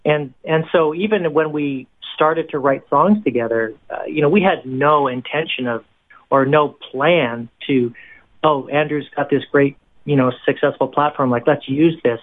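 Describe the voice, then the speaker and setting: A man from Canada, a worship pastor, tells his story in a relaxed, chatty way with a slightly high voice. He comes through a narrow, tinny phone-like line. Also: unhurried. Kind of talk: interview guest, casual storytelling.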